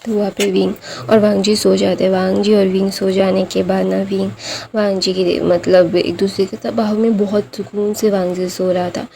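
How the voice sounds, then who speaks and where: Gravelly woman casually retelling a story. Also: mid-range voice, mellow, a little hiss or hum. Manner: rambling, conversational, many fillers.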